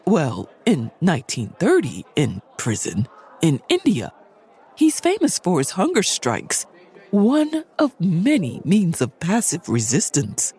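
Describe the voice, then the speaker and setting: Aunt Em, a husky, sly mentor aunt. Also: female voice, lowish voice, wildly swooping pitch, slow, darkish tone, full character voice. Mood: deadpan. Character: sly, brisk middle-aged aunt who sneaks up. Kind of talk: audio drama acting.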